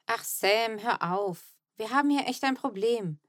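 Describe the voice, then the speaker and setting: A woman reading aloud voices a weary, sensible father in a children's audiobook. He soothes and grumbles in a subdued tone, quieter than the narration, recorded dry and close. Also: on the high side, unhurried, no echo, close to an everyday voice. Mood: grumpy. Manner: soothing, a little grumpy.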